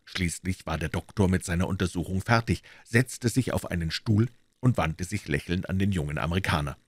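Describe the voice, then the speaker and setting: A man reading a classic story aloud in a measured, low-register narration. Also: darkish tone, dry recording. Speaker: audiobook reader. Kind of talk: audiobook narration.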